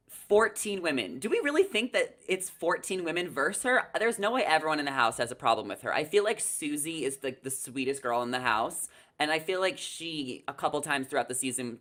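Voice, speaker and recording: A young man with a fairly high, bright voice and a forceful tone gives emphatic, chatty live commentary as co-host of a reality TV recap show. He is on a video call in a small indoor room.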